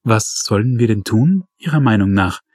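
A man's voice: on the low side, expressive, moderate pace, darkish tone, breathy edge, no room sound, clean studio sound. A man voicing an irate, blustering male shop owner who complains indignantly.

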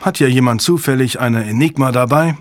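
A man's voice: medium pitch, fairly quick, no room sound, studio quality, close to an everyday voice. A man doing a stern curt agency director. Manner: curt, commanding. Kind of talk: audiobook character voice.

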